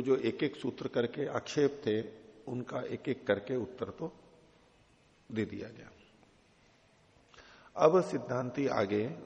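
A man's voice: medium pitch, vocal fry, a little mellow. A middle-aged man teaching a classroom lecture on an old text, patiently explaining with repeated examples. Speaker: teacher of philosophy texts. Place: teaching hall at an ashram. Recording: dull reverberant hall recording.

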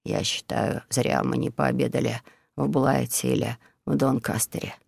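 A man voicing a blustering, self-important monk with a hoarse voice. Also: medium pitch, normal speed, dry recording, clean studio sound, pitched below the performer's own voice. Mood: grumbling. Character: hoarse pompous blustering older male monk.

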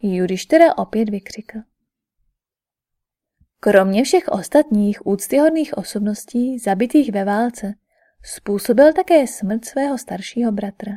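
Mellow-voiced woman narrating an audiobook. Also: medium pitch, lively intonation.

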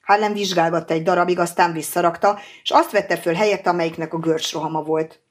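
A woman narrating an audiobook in a steady, even reading voice. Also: lowish voice. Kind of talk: scripted narration.

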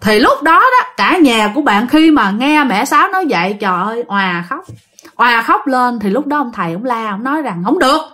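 A woman with a Southern Vietnamese accent chats her way through a ghost story, talking straight to her listeners in casual narration. Her voice sits on the high side and sounds expressive, brisk, pushed and bright.

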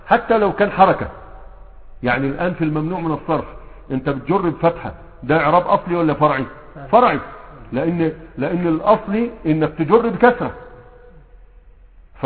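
A man with an Egyptian accent teaches a grammar lesson at a rapid clip, firing rhetorical questions at his students. His voice sits a little higher than most men's. The recording is thin and phone-like, with a long hall echo trailing behind him. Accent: Egyptian Arabic. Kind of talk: classroom lesson. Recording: tinny phone-like sound with long hall reverb.

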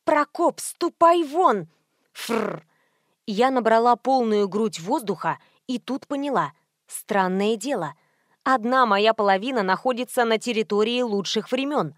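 A woman's voice: on the high side, moderate pace, no echo. A woman narrating a comic detective novel in the first person, in a wry, conversational storytelling manner. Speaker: audiobook narrator. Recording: dry close studio voice.

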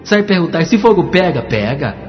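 A man's voice: on the high side, big pitch swings, a little fast, faint music behind. A pastor giving a dramatic testimony sermon, acting out the voices in his story. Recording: dull recording with long hall reverb.

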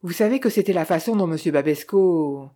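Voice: mid-range voice, expressive, a little fast, warm tone, close to an everyday voice. Narrator doing a proud, boastful old stage actress. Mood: reminiscing. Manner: boastful, genteel. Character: aging woman stage actress, proud, nostalgic.

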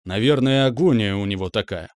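A man's voice: on the low side, a little fast, smooth, no room sound, studio quality, lightly acted. A man voicing a fierce, contemptuous male cleric warrior in an audiobook, snarling and barking his lines. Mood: dismissive. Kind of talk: audiobook character voice.

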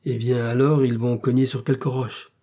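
Brief: man doing a grave, deferential old sailor, husky mellow voice, audiobook. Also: mid-range voice, little pitch movement, moderate pace, close to an everyday voice. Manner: respectful, plain-spoken. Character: old male sea pilot, weathered and deferential.

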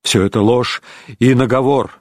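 A man's voice: mid-range voice, steady tone, normal speed, a little mellow, no echo, clean studio sound, pitched below the performer's own voice, lightly acted. A man voicing a desperate young man who pleads his innocence urgently in an audiobook. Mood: pleading.

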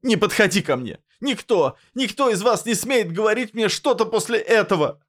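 Storybook role: a shrill, sobbing young woman near hysteria, voiced by a male narrator, pitched far above his own voice and louder. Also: lively intonation, moderate pace. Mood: hysterical. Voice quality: shrill, cracking cries.

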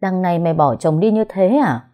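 A woman's voice: lowish voice, lively intonation, brisk, dark tone, natural voice. A woman voicing a strict older father from the countryside, stern and commanding.

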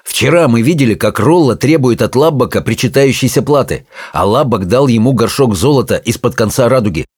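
A man's voice: mid-range voice, lively intonation, a little fast, few pauses, darkish tone, husky, no room sound, studio quality. A man voicing a determined teenage boy who speaks in a level, matter-of-fact way.

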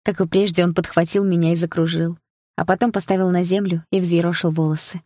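A woman narrating an audiobook in an even, measured reading. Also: fairly low pitch, dry recording, clean studio sound. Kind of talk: scripted narration.

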